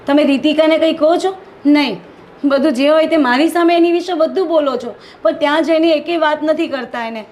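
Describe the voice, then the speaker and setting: An actress playing a hardworking, resentful daughter-in-law who complains constantly, with a Gujarati accent. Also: female voice, high-pitched, brisk, a little mellow, natural voice. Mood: aggrieved. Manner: complaining, aggrieved.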